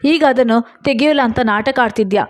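A woman's voice: fairly high pitch, fairly quick, natural voice. A woman voicing an angry, scornful young man in a read-aloud story, sneering and mocking.

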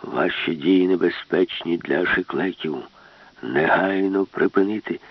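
A cold robot master giving flat, slow commands in a low voice, as a male narrator puts it on. The recording is dull and dry, the voice husky. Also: no room sound. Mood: commanding.

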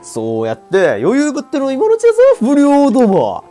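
A woman voicing a pompous, scheming male teacher in a game who makes slow, self-important declarations. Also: high voice, wildly swooping pitch, warm tone, soft background music, pitched above the performer's own voice. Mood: sneering.

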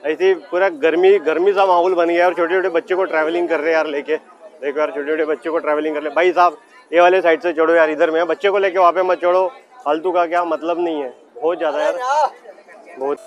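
A young man vlogging a train journey, talking loudly and excitedly to his viewers about the crowded coach. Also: fairly high pitch, fast, dull audio. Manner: excited, loud, chatty, addresses viewers as guys. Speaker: travel vlogger. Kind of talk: casual running commentary. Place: crowded general coach of a train and station platforms. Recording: crowded train noise behind. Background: chatter of a packed crowd.

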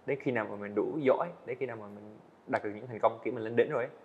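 A young man, a student animator, answers interview questions on an indoor studio set, speaking earnestly, casually and fast, and he often restarts his phrases. His mid-range voice has fairly even intonation and is a little mellow. The recording has its highs cut off and slight background noise.

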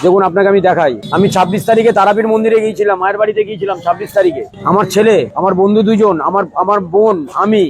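A man's voice: high voice, quick pace, hardly any pauses. A middle-aged man runs a street food stall and chats effusively with customers. He is devout, chanting praises and rattling off his dishes. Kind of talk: casual chat while serving customers. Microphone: vlogger's handheld camera. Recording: noisy street crowd behind. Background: crowd chatter.

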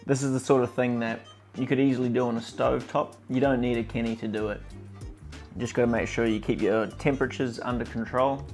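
Gravelly man hosting a cooking vlog. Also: mid-range voice, fairly quick, soft background music. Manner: relaxed, enthusiastic, with frequent fillers. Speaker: cooking channel host. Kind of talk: casual cooking vlog, tasting and commentary.

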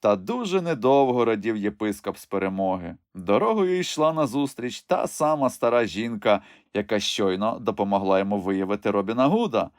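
Expressive male audiobook narrator. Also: lowish voice, fairly quick, hardly any pauses, dry recording. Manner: expressive, dramatic. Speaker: audiobook reader. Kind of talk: storytelling narration. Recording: dry close studio recording.

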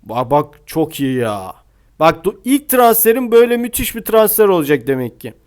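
A young man playing a football scout and commentating his mobile football match live, shouting and half-singing at goals, then dropping to low mutters. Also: sing-song, moderate pace. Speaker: gaming YouTuber playing a scout role.

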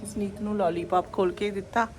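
A woman's voice: medium pitch, flat delivery, brisk, low-quality recording. A middle-aged woman with a Punjabi accent narrates a casual home vlog in a chatty, homely way, often tagging her phrases with a small question. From Punjab, India. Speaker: family vlogger.

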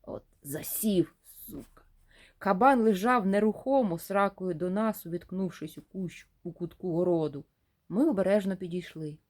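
A woman reading a short story aloud in a lively, dramatic storytelling way. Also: on the low side, normal speed. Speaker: reader of short stories.

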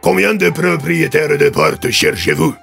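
A man's voice: a little high, big pitch swings, measured pace, vocal fry, fairly bright tone, pitched above the performer's own voice, full character voice. A man voicing a solemn, menacing male clan chief in an audio story, speaking in a grave, clipped way. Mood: stern. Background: faint music.

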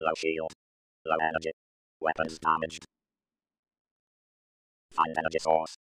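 Game computer voice, robotic booting-up announcer, very deep, dead flat, clipped system readouts. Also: male voice, unhurried, heavy background noise. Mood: status report. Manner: clipped monotone status readouts. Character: male combat suit computer announcing systems. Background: loud game music.

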